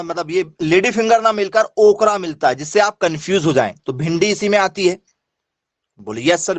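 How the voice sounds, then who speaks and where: Male teacher, high voice, dry close mic, repetitive question-and-answer delivery. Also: dry recording. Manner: repetitive, questions and answers himself, addresses students directly. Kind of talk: online exam-prep lesson.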